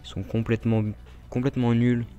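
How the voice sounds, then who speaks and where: A man's voice: medium pitch, monotone, fairly quick, dark tone, muffled recording, soft background music. A man with a French accent giving casual, rambling gameplay commentary, full of fillers and asides to his viewers. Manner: rambling, filler-heavy, addresses viewers directly. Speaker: gaming YouTuber.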